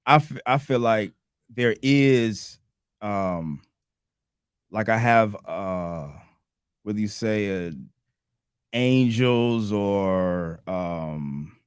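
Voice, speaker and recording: A man co-hosting a podcast, chatting in a loose, conversational way during a debate. His voice is on the low side, and the sound is dry and close. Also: very slow, long pauses, clear, resonant tone, dry recording. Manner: relaxed, conversational, frequent "you know what I'm saying". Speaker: podcast co-host. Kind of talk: casual debate talk.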